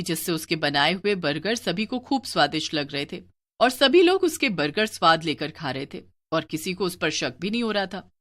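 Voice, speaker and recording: A woman narrates a cartoon story in an expressive, storytelling manner. Her pitch sits mid-range but rises and falls freely.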